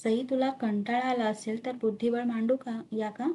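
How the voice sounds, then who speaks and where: A woman reading a novel aloud and voicing a gentle, caring young king who speaks softly and reassuringly to his wife. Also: a little high, fairly even intonation, moderate pace, slight background noise, natural voice. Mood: tender. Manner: soft, reassuring.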